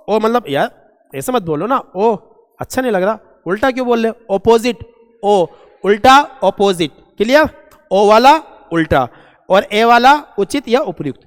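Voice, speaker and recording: A man's voice: high-pitched, smooth. A man teaching an exam-prep vocabulary lesson, repeating each word and quizzing his students, whom he calls "beta". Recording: long reverb in a hall.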